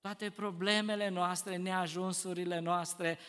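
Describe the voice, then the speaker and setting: A man preaching a sermon with passion, moving between hushed, slow stretches and loud, emphatic ones. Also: high voice, flat delivery, clean tone, long reverb tail.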